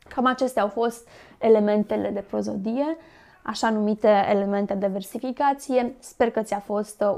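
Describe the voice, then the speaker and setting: A woman explaining verse and rhyme in a lesson, measured and explanatory, with frequent pauses and fillers. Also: on the high side, a little mellow. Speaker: teacher. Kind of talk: Romanian literature lesson.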